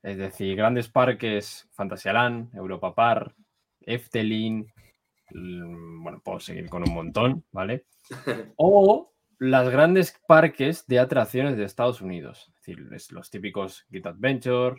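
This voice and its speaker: A man hosting a podcast, lively and casual, throwing out topics and listing examples for his guests. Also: fairly low pitch, a little slow. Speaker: podcast host.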